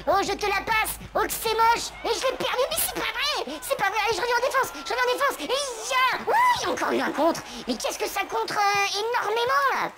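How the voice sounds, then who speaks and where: A man doing a squeaky chipmunk voice. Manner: excitable, exclaiming at the play. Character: squeaky high chipmunk-style voice, excitable. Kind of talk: video game commentary.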